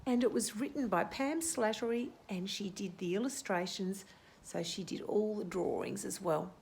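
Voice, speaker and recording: Reading a picture book at a children's storytime, this woman explains the story in simple terms and puts questions to the little ones listening. Her mid-range voice is slightly mellow with vocal fry, moving at a normal speed, and there's a faint hiss or hum in the recording.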